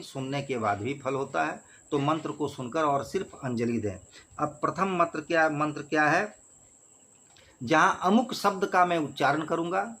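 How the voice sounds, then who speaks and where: A man explaining a ritual step by step, slowly chanting Sanskrit mantras between plain instructions. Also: fairly high pitch, a bit bright, husky. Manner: slow repeated chanting, then plain explaining.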